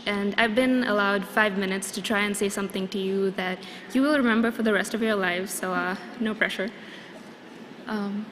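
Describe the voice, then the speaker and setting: A young woman from Sri Lanka gives her graduation address at a podium, earnest and measured. Her voice carries a long reverb through a large hall, with a faint hiss underneath. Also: medium pitch. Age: young adult. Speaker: student graduation speaker. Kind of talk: formal prepared speech.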